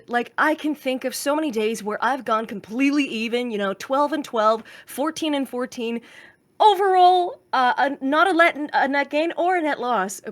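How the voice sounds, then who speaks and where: A woman guest on a podcast, sharing reflective opinions with thoughtful fillers in casual chat. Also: fairly high pitch.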